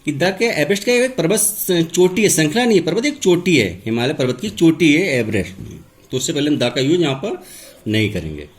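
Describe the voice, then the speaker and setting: A man teaching English grammar in a classroom lesson. He asks questions and answers them himself, and says key words over slowly. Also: a little high, big pitch swings. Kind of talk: classroom lesson, step-by-step explanation.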